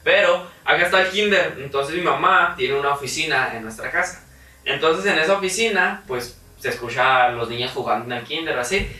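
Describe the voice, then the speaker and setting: A young man with a Mexican accent, chatting casually and telling an animated story with shouted, laughing bits. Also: a little high, fairly quick. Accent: Mexican Spanish. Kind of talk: casual chat. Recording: echoey room, far from mic, noisy.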